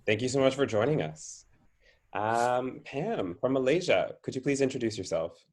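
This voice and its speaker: A man's voice: mid-range voice, lively intonation, normal speed. Courteous man hosting a webinar. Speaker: host. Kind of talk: moderating introductions.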